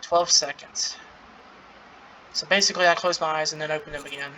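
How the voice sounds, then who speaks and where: Casual gaming playthrough voice, mid-pitched and bright, reading dialogue aloud with amused, giggly reactions. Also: steady tone, a little fast, slight background noise, poor audio. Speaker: gaming content creator playing through a story event.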